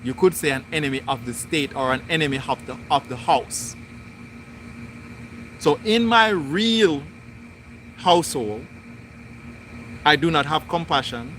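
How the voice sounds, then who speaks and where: A man with a bright, slightly raised voice speaks very slowly and deliberately, circling back over his phrases as he reflects aloud on a livestream. A faint hiss of noise sits underneath. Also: fairly high pitch, animated. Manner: slow, deliberate, repetitive phrasing. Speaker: spiritual livestream host. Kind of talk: reflective spoken monologue.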